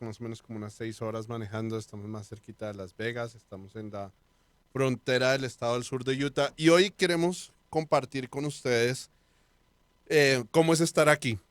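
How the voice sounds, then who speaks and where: A man steers a casual podcast conversation, joking and easygoing. His voice is smooth and resonant, and it is recorded dry and close to the mic. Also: medium pitch, steady tone, normal speed, dry recording. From Colombia (Bogotá). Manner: leads the talk, joking and easygoing. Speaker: podcast co-host.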